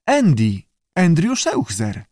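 Brief: male narrator doing a high, croaking salamander, childlike and eager, repeating everything it hears, audiobook. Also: wildly swooping pitch, takes it slowly, darkish tone, dry recording, studio quality, full character voice. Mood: polite. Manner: parrots human phrases eagerly. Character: croaking talking salamander, curious, childlike mimic.

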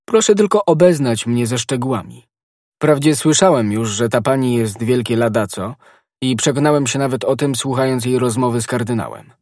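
A man voicing a refined, self-assured poet musketeer in an audiobook, speaking gently and slowly with stress on each phrase. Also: medium pitch, no room sound, clean studio sound, natural voice. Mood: confident. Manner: gentle, measured, emphatic reading.

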